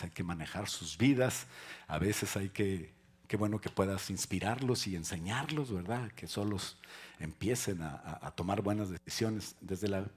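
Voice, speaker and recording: A male pastor delivering a conversational sermon. He jokes with the congregation and then drives his points home with loud, rising emphasis. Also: on the low side, husky.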